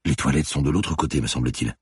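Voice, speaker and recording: A man's voice: very deep voice, fast talker, slightly rough, no echo, clean studio sound, heavily acted. A man reading aloud voices a frightened young amnesiac woman, lifting his voice into anxious, alarmed questions. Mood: uneasy. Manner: anxious, rising to alarmed cries.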